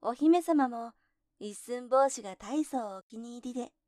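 A woman narrating a folk tale in gentle, measured storybook telling. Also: a little high, dry recording, studio quality.

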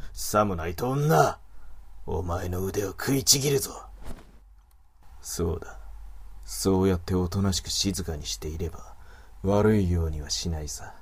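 A man voicing a domineering, mocking male wolf creature in an adult audio drama, with rough, commanding speech. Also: on the low side, exaggerated voice.

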